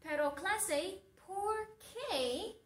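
Teacher woman, high voice, very slow and deliberate storytelling, quizzes the class, roomy distant sound. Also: expressive, a bit bright. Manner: slow and deliberate, asking the class questions and recapping. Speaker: Spanish teacher.

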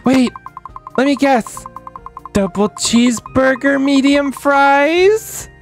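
Bunny burger girl, game dub, male performer: high-pitched, bubbly, gushing, lovestruck. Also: slow pace, faint music behind, exaggerated voice. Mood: cheerful, chatty. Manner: gushing, excitable. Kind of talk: improvised video game dub.

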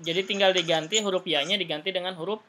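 A woman teacher explains Arabic phrases step by step, repeating them patiently. Her voice sits low but sounds bright and forceful. She talks over a video call. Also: fairly even intonation, fast talker, slight background noise. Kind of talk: online Arabic conversation lesson.

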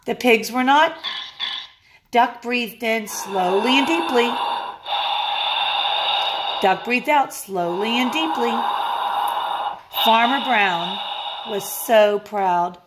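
A woman teacher reading a picture book aloud with expressive, playful storytelling. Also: a little high, slow pace, long pauses, very noisy. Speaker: music technology teacher.

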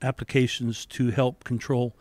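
A man's voice: mid-range voice, level tone, moderate pace, a little mellow, no room sound. A man who is a university entomologist, answering interview questions in a methodical, explanatory way in an office with a handheld mic held toward him. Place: office with windows and plants, indoors.

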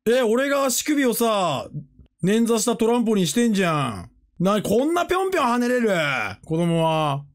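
A man chatting casually on a livestream, joking and animated, often breaking into laughter and playful mimicked voices. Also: sits high, normal speed. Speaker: streamer.

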